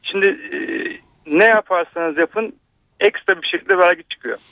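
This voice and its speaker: A man's voice: high-pitched, unhurried, sharp tone, no echo. A male doctor calling in to a radio show over a telephone line, complaining about taxes in an aggrieved way with hesitant fillers. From Bursa, Turkey. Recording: muffled phone line, dry.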